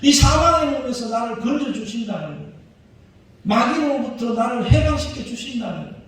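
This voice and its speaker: A man's voice: very high voice, animated, brisk. A male pastor preaching a sermon, pressing the congregation with rhetorical questions. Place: church sanctuary. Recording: very echoey church hall, voice far from mic.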